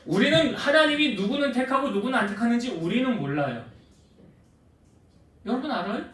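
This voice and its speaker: A man preaching in a church, his voice high and swinging up and down a lot as he talks easily with the congregation and keeps asking them questions. He is heard from some distance in a strongly echoing sanctuary. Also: lively intonation, a little fast, a bit bright. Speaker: pastor. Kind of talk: sermon.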